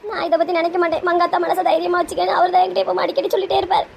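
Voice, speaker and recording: A woman's voice: high voice, very fast, a little hiss or hum, lightly acted. A woman playing a brash, melodramatic middle-aged mother in a comedy skit, bossy and scolding, with a Kanyakumari Tamil accent.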